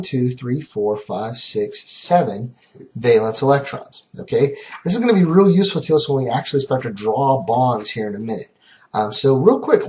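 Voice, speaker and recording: In this laid-back recorded chemistry class, the instructor, a man whose voice is mid-range, counts slowly aloud and keeps pausing to ask "okay?".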